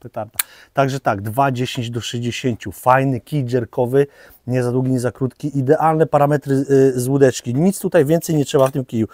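A man's voice: mid-range voice, steady tone, normal speed, a little mellow, no room sound. A man hosting a fishing shop video in casual chat, joking and loose with fillers, with a Polish accent. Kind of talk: casual product presentation.

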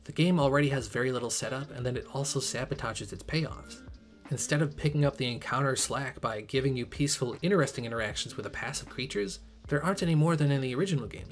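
Young man, game review narration, rapid pace, critical and emphatic, faint music bed. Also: mid-range voice. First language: English. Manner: critical, emphatic, occasionally sarcastic. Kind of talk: scripted video essay narration.

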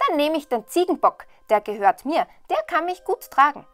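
A woman voicing a foolish, cheerful young peasant lad who shouts with glee. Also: high voice, normal speed, no room sound, voice pushed up. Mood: eager. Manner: excited, shouting gleefully.

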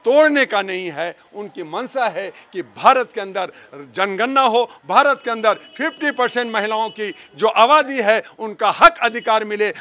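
A man arguing heatedly in a political street debate, talking fast and forcefully with many fillers. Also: extremely high pitch. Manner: forceful, rapid, argumentative with repeated fillers.

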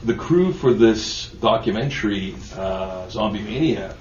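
A relaxed man chatting as a radio guest, slow and a little low, laughing often. The studio sound is roomy and dull. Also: distant mic. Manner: relaxed, laughing, filler-heavy. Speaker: guest artist. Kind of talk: casual radio interview.

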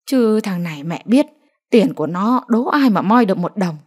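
A woman voicing a flustered elderly village grandmother who scolds in rapid bursts. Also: fairly high pitch, animated, mellow, slightly rough, voice pushed up. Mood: fretful. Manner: scolding, frantic, rapid-fire.

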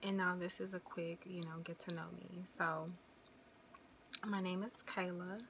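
Young woman, twenties, from the Midwest, casual vlog chat, rambling, low gravelly voice. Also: little pitch movement, a little slow, a bit bright, slight background noise. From American Midwest. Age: 20s. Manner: chatty, rambling, uses y'all and you know. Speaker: vlogger.

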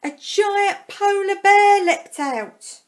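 Reading a storybook for young children, a high-voiced woman who works at a primary school keeps her delivery slow and full of expression. Key words get drawn out, and she leaves dramatic pauses between phrases.

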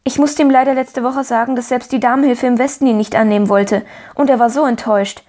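A woman's voice: steady tone, fast, lightly acted. A woman voicing a cheerful, optimistic little orphan girl who talks eagerly and pleadingly in a raised voice. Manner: eager, pleading, bright and higher.

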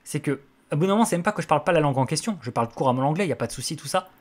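A man's voice: fairly high pitch, animated, very fast. A man hosting a podcast, answering listener questions in a casual spoken monologue. He talks hesitantly, with many fillers and restarts, and gives blunt opinions.

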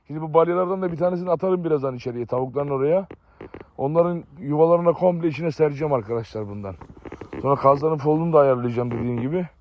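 A man's voice: a little high, fast, dull audio. Chatty man calling his farm dogs. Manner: chatty, talks to his dogs and to viewers, calls and soothes the dogs. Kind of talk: casual outdoor vlog commentary. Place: farm outdoors.

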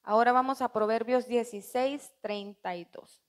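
A high-voiced woman delivering a sermon at church. She speaks earnestly, asks the congregation questions and acts out short heartfelt prayers. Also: fairly even intonation, moderate pace. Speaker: preacher.

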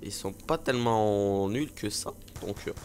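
A man's voice: fairly low pitch, measured pace, slight background noise. A young man giving rambling, playful live commentary over a video game, with lots of fillers and jokes at his own expense. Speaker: gaming video host.

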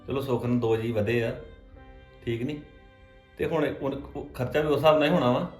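Man as husband stuck in the middle; soothing, coaxing tone; roomy echo, soft music behind. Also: medium pitch, brisk, lightly acted. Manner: soothing, keeps asking for agreement. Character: peacemaking husband caught between mother and wife. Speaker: husband in a family drama. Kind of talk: scripted domestic drama acting.

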